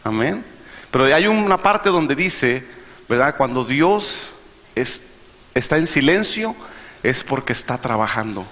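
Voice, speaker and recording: A man's voice: medium pitch, big pitch swings, measured pace, a bit bright, in a large hall. A man preaching a sermon to his congregation, emphatic and full of rhetorical questions. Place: church.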